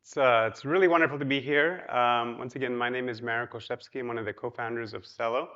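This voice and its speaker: A Polish man gives a casual, chatty conference talk in a large hotel ballroom, full of ums and you-knows and questions thrown to the audience. He speaks fast in a medium-pitched, pushed, bright voice with fairly even intonation. The sound is lo-fi.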